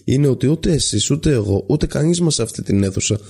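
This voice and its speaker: A man voicing a calm young student debater. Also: medium pitch, creaky, husky. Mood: gentle. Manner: measured, patient, then gently persuasive.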